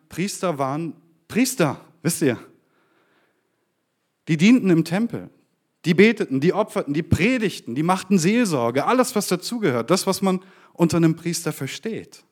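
A man preaching a sermon, addressing his congregation with rhetorical questions and reading the scripture passage in a slower, lower voice.

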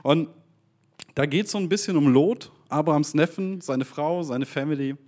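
A man's voice: fairly high pitch, moderate pace, darkish tone. A man preaching in a casual way, talking directly to his listeners and reading a Bible story aloud.

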